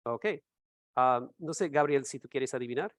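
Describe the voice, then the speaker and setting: A man's voice: medium pitch, moderate pace, a bit bright. Patient male English teacher on a video call. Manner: patient, repeats words for students to echo. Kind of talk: online class explanation. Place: online class by video call.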